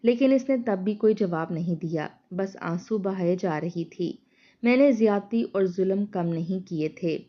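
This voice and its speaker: Woman narrating a dramatic story. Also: mid-range voice. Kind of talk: first-person story narration. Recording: dull lo-fi sound.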